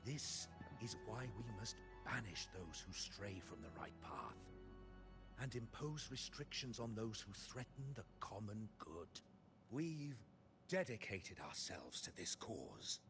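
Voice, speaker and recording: A pious game cleric with a lowish voice that moves in wide, sermon-like swells. He is serene, formal and detached, preaching restraint with solemn care, and music plays clearly behind him. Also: sing-song, takes it slowly, full character voice. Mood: serene, preachy. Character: pious, controlled zealot cleric of a religious order. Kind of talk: scripted video game dialogue. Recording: background music under the voice.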